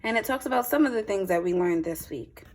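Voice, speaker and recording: Reading a picture book aloud to young children, a woman teacher moves at a quick pace in a medium-pitched voice. Her phrasing is expressive, and she adds simple explanatory asides.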